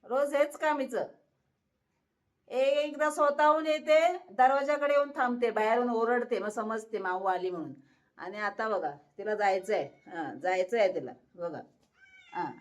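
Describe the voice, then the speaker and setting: High-voiced woman coaxing her cat. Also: unhurried. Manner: coaxing, chatty, laughs often. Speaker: pet vlogger. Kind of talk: casual talk to her cat and viewers. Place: home, at a door to the terrace.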